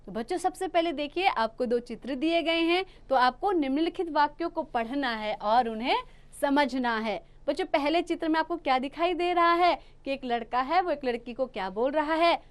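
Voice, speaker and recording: A woman's voice: high-pitched, expressive, moderate pace. A young adult woman teacher giving a recorded grammar lesson to young children, asking them questions and answering them herself.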